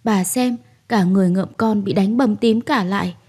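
A woman's voice: medium pitch, moderate pace, dark tone, slightly rough, close to an everyday voice. A woman doing a tearful, begging young servant girl. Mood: pleading. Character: young pregnant servant woman, desperate and pleading.

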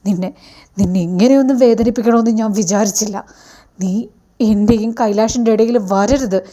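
A woman voicing a bitter, vengeful young woman who speaks slowly and deliberately, in a retelling of a TV serial. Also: on the high side, warm tone, lightly acted.

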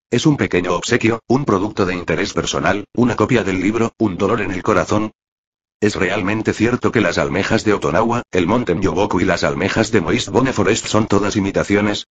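A man reading a translated web novel aloud in a flat, machine-like way. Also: sits low, slightly rough. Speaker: narrator. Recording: dull lo-fi audio.

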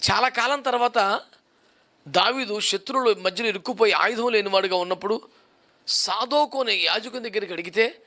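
A man's voice: high-pitched, normal speed, bright, forceful tone. A male pastor preaching a sermon, driving his points home with repeated rhetorical questions.

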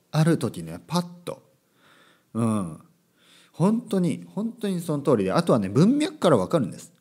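A man's voice: medium pitch, dark tone, breathy edge. A Japanese man hosting a casual solo podcast as a language teacher, talking emphatically and repeating his key words. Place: lives abroad, recorded solo.

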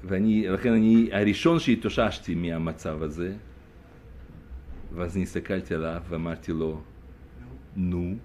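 A man's voice: sits low, slight background noise. A man, a rabbi, telling a story during a lesson and acting out the dialogue. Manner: animated storyteller, acts out dialogue. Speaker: rabbi, teacher.

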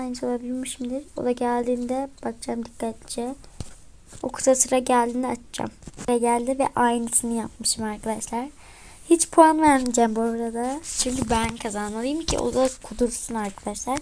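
A young woman, sounding a bit sick, giving chatty, excitable commentary over her gameplay and often dropping to a mutter. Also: on the high side, a little hiss or hum. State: slightly sick voice. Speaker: gaming vlogger.

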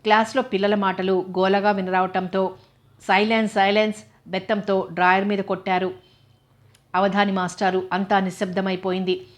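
A woman narrating a novel in a steady, even storytelling manner. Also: medium pitch, normal speed.

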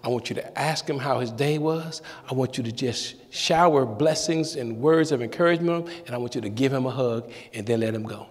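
A man voicing an older male pastor with a deep, calm and measured voice, giving steady instructions. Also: long reverb tail, natural voice. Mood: calm instructing.

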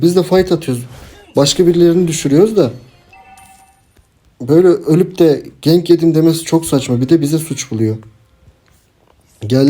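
Young male gamer, mellow voice, casual running commentary with frustrated outbursts. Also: on the high side. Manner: chatty, frustrated outbursts, talks to teammates. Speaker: gameplay streamer. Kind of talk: casual live gameplay commentary.

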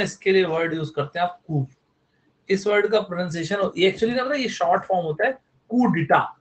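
Playful male tutor, slightly high-pitched, casual chatty lesson delivery. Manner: chatty, playful, spells words letter by letter. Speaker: vocabulary teacher.

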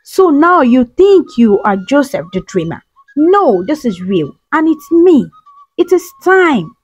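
A woman's voice: sits high, big pitch swings, takes it slowly, exaggerated voice. A woman voicing a vengeful young female spirit, speaking coldly and mockingly, read as a storybook figure. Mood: cold scorn. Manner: cold, mocking. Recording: slightly dull recording with soft music.

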